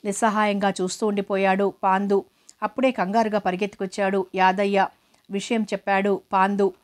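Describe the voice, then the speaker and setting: A woman narrating a novel aloud in a steady storytelling manner. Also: mid-range voice, a little fast.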